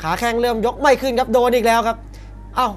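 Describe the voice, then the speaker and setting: An extremely high-pitched man talks fast and flat as he delivers live Muay Thai commentary, using short punchy calls and exclamations. Behind the broadcast are the crowd in the arena and a faint fight-venue ambience.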